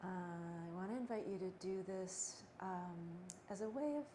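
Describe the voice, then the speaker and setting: A woman teaching a breathing exercise in a gentle, unhurried, conversational way, with pauses. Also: mid-range voice, lively intonation. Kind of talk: guided breathing instruction, casual and conversational. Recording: clearly noisy background ambience.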